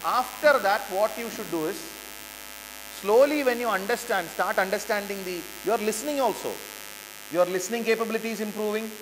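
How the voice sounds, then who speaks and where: A man's voice: sits high, a little fast, big-room sound, background noise. A man with an Indian English accent giving a motivational classroom lecture, asking rhetorical questions and repeating key phrases for emphasis. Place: lecture hall.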